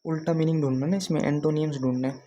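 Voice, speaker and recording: A man's voice: a little high, steady tone, quick pace, mellow. A man from Haryana teaching an exam prep lesson, patiently repeating questions to his students. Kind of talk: explaining lesson.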